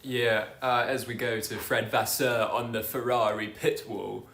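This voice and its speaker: A man's voice: medium pitch, little pitch movement, a little slow, gravelly, a bit bright, reverberant. A man in casual race commentary, easygoing and often hesitant.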